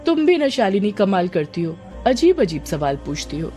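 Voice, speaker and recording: A woman's voice: mid-range voice, very animated, moderate pace, mellow, soft background music, close to an everyday voice. A woman voicing a playful young man who teases his friend in a Hindi horror audio story. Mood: teasing. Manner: teasing, joking.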